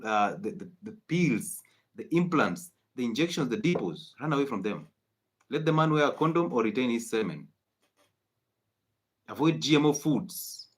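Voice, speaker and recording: A man giving a live-streamed health lecture, emphatic and preachy, repeating his key points. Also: medium pitch. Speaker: health educator.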